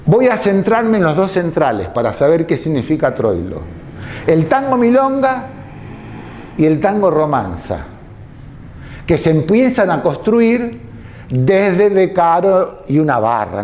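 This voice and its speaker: A man lecturing at an unhurried, measured pace. His fairly high voice rises and falls widely as he explains, stopping to pose rhetorical questions before answering them himself. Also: very animated, darkish tone, slight background noise. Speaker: tango lecturer.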